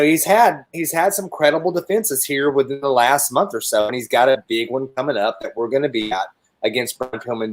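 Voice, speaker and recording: A man co-hosting a wrestling podcast, talking casually with fillers and repeated words. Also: mid-range voice. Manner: enthusiastic storyteller, fillers and repeats. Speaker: podcast co-host. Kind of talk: casual chat.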